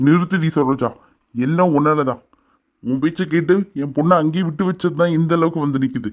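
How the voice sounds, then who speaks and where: A man's voice: a little high, brisk, close to an everyday voice. A man voicing a furious, protective middle-aged father in a cartoon, scolding hard. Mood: stern. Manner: angry scolding, shouting orders. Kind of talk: cartoon voice acting. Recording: tinny phone-like lo-fi audio.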